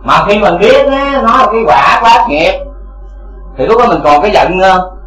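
A man's voice: high-pitched, expressive, brisk, a bit bright, roomy sound, faint music behind, low-quality recording. A man teaching Buddhist dharma to a congregation, asking rhetorical questions again and again.

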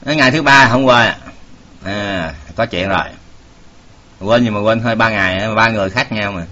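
A man's voice: on the low side, moderate pace, pushed and bright. A man, a Buddhist preacher telling a story in a folksy way, with many filler sounds and direct words to the audience. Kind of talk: sermon storytelling. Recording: dull lo-fi recording.

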